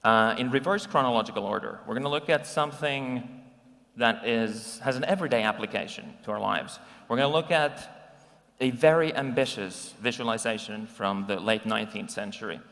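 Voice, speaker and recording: A man's voice: mid-range voice, normal speed, fairly bright tone. A man in his forties from Finland giving a conversational conference talk with slides, with frequent ums and restarts, recorded live in a conference hall. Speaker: conference speaker.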